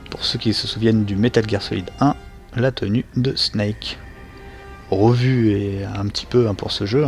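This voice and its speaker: A man hosting a let's play, giving chatty, self-mocking gameplay commentary. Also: on the low side.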